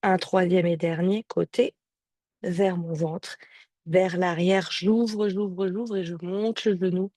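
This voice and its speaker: A woman yoga teacher giving calm step-by-step cues and breath counts to a class over a video call. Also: fairly low pitch, takes it slowly, no echo. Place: home or studio, streamed on a video call. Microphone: video call microphone.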